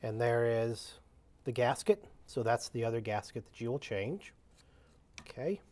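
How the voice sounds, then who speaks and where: A man's voice: mid-range voice, animated, a little slow, a little mellow. A man giving an unscripted how-to demonstration of equipment maintenance in a workshop, talking plainly with many fillers and restarts. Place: indoor workshop with benches.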